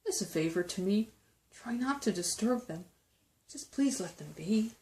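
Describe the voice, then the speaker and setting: A woman's voice: medium pitch, lively intonation, moderate pace, noisy background, close to an everyday voice. A woman voicing a kind, worried, protective male elephant from a storybook, earnest and pleading. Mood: gentle pleading. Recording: echoey room.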